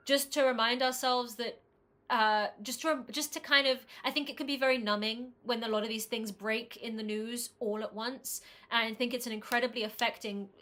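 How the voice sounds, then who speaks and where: A woman's voice: a little high, a bit bright. A woman hosting a podcast in casual chat, speaking earnestly and often repeating words as she restarts her sentences. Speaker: podcast host.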